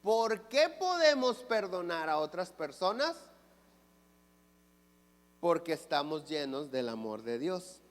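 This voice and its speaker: A man's voice: fairly high pitch, very animated, slow, pauses often. A man preaching a sermon as pastor in a church, asking the congregation questions and answering them himself. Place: church sanctuary. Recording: long reverb of a church hall.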